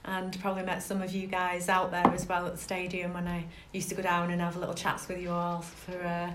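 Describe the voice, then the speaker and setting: A woman's voice: lowish voice, completely flat delivery, brisk. A woman chatting casually as a regular football podcast guest. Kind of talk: casual chat. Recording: echoey room, faint noise.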